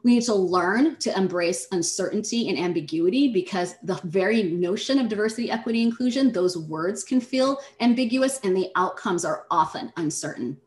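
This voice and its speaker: Female workshop presenter on a video call, mid-pitched, clear teaching delivery, echoey room. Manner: measured, explanatory, addresses the audience directly. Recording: roomy echo.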